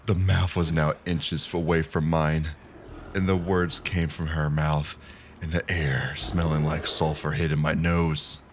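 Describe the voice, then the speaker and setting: A man narrating a horror story in a measured, grim, scripted style. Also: extremely low pitch, flat delivery, slight background noise.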